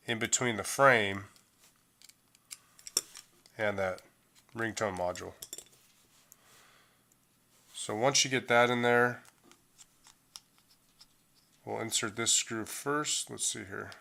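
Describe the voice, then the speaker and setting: Slow and full of vocal fry, a middle-aged man pauses often while walking through a hands-on phone repair. His voice sits a bit low but sounds bright and forward, and he speaks in a relaxed, unpolished way with lots of fillers and restarts.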